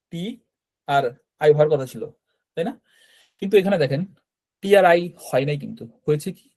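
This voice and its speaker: A man with a Bangladeshi Bengali accent leads a beginner language lesson over a video call. His voice is slightly high and mellow in tone. He explains patiently, step by step, and keeps checking in with his students. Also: poor audio. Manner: explanatory, checks in with frequent "right?". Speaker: Japanese language teacher. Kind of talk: online class teaching.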